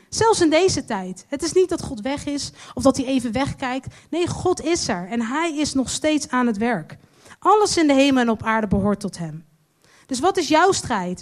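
A woman preaching a sermon, earnest and slowing down to stress her key lines. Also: sits high.

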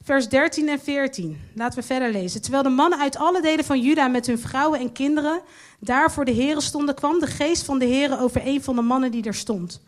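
A woman preaching a sermon, earnest and slowing down to stress her key lines. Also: high voice.

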